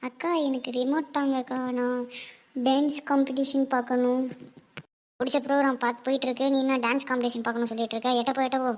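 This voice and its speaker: A woman's voice: high-pitched, level tone, quick pace, close to an everyday voice. A woman voicing two young sisters in a homemade cartoon, one bossy and one cheeky, teasing and whining at each other. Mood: bickering. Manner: bickering, teasing, sing-song whining.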